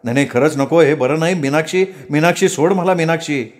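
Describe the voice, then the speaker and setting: A man's voice: fairly high pitch, quick pace, lightly acted. A man playing a shy, fussy middle-aged clerk who frets and protests in a proper, nervous way, with a Marathi accent. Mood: fretful.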